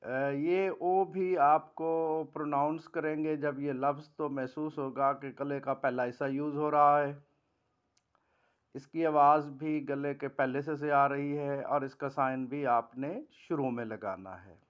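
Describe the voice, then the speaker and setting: A man with a Pakistani accent teaching shorthand, explaining vowel sounds step by step and slowly dictating practice sentences word by word. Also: a little high, fairly even intonation, smooth, dull audio. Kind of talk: classroom lecture.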